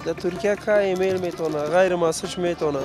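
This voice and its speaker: Halting Afghan Dari man on the street. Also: sits high, steady tone, over music. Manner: short, halting answers. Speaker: interviewee. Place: city street outdoors.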